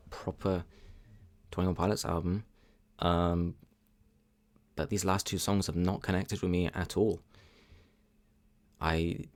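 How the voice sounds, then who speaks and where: A man with a deep, low-pitched voice talks through his thoughts on a track. He hesitates often, fills pauses with ums, restarts his sentences and weighs his opinions candidly. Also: darkish tone. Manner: hesitant, many ums and restarts, thinking aloud. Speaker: music reaction channel host. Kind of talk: casual spoken music review.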